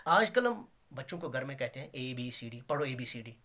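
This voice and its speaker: A man with a Kashmiri accent explains English letters and sounds in a patient classroom lesson. His pitch sits in the middle but moves widely up and down. He repeats the key terms again and again and lifts his voice hard on each example. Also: very animated, sharp tone. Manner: explains slowly, repeats key words, rises emphatically on examples. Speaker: English teacher.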